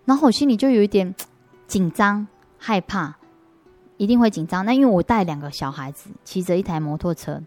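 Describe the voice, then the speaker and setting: A woman's voice: mid-range voice, expressive, fairly quick, darkish tone, soft background music. A woman with a Taiwanese Mandarin accent, a guest in an interview, earnestly telling her story of faith with frequent restarts. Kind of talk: personal faith testimony.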